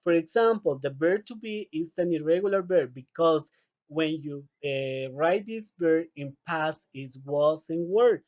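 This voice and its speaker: Slow-talking male English teacher, lo-fi. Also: on the high side, lively intonation, a little mellow. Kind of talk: recorded video lesson.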